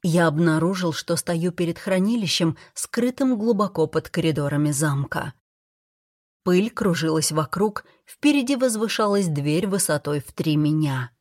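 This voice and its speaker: Low-voiced woman narrating an audiobook. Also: expressive, normal speed, a little mellow, no room sound, clean studio sound. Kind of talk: first-person scripted narration.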